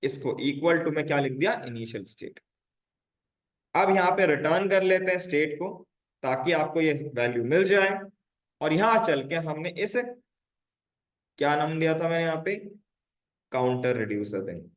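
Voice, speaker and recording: High-voiced man teaching a casual coding class. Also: animated, normal speed, reverberant, low-quality recording. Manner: casual Hindi-English teaching, frequent check-ins with "bhai". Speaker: coding instructor. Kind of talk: live online coding class.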